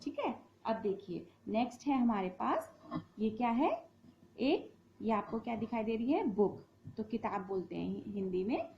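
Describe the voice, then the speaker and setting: A woman's voice: on the high side, very animated, moderate pace, muffled recording, a little hiss or hum. A woman teacher giving a patient lesson to young children, spelling words out sound by sound.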